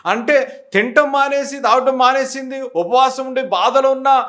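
Man, pastor preaching, high voice, emphatic with rhetorical questions. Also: unhurried, fairly bright tone. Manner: emphatic, rhetorical questions, mixes in English phrases. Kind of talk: sermon.

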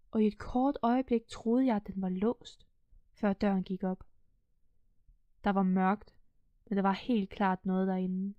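A young woman reading a first-person audiobook in a calm, measured way, dropping to a hush in tense moments. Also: medium pitch, dry recording. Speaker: audiobook narrator.

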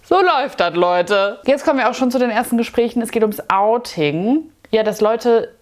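A woman's voice: on the high side, expressive, normal speed. A woman in her thirties giving a casual, opinionated reaction commentary with sarcastic asides, recorded indoors in a small dim room on a clip-on mic. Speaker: YouTube commentator.

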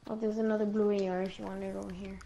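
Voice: mid-range voice, level tone, very fast, muffled recording. A player chatting casually during a video game, with teasing, profane banter. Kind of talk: casual gaming chat. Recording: clearly noisy game voice chat.

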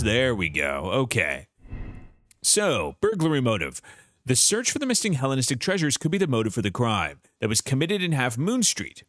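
A man's voice: mid-range voice, a bit bright, no room sound. A man streaming a detective game live, thinking aloud about clues with frequent restarts.

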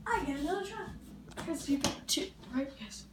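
A woman hosts a casual challenge vlog, chatting with slangy, muttered asides. Her high voice is expressive and moves at a moderate pace. The home video sound is very noisy.

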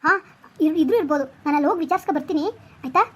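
A woman's voice: sits high, very fast, lightly acted. A woman playing an anxious mother frantically searching for her daughter in a family drama skit. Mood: distraught. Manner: anxious, loud, calling out.

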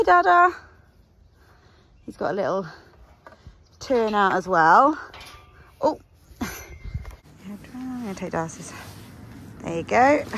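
A young woman, slightly hoarse from a recent illness, chatting casually while working her horse outdoors. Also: slight background noise, poor audio. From England. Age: young adult. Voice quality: softer than her usual voice. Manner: chatty, coaxing horse commands, lively pitch. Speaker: horse owner vlogging.

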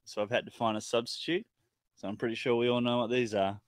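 A man's voice: medium pitch, fairly even intonation, quick pace, dry recording. A man in his thirties with an Australian accent, chatting casually in a laid-back, blokey way on a livestream. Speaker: chilli challenge livestream guest. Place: indoors at home, on a video call.

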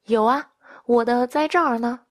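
A woman's voice: on the high side, a little slow. A woman teaching a listen-and-repeat language lesson, patiently saying each phrase twice.

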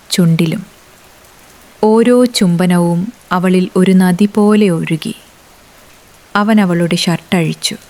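Slow, measured woman reading a romance. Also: lowish voice, mellow. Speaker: story narrator. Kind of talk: scripted narration of a romance story.

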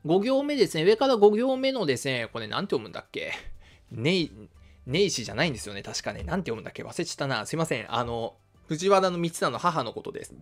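A man from Shizuoka hosting a history live stream, reading viewer comments in a casual, friendly way with lots of fillers. He calls his own voice fairly high. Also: very animated, fast talker, soft background music. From Shizuoka, Japan. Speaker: history channel host.

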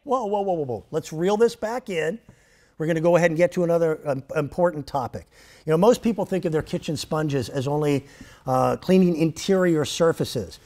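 A man in his fifties playing a composed TV debate moderator, measured and mock-solemn, stretching words for emphasis. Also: on the high side, dark tone, natural voice. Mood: calming. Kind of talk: mock news debate hosting. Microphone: lapel mic.

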